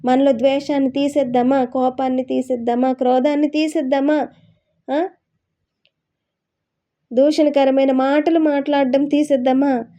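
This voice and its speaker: A woman's voice: high-pitched, level tone, unhurried, pauses often, mellow. A woman preaching a sermon in an earnest, coaxing way, often asking rhetorical questions.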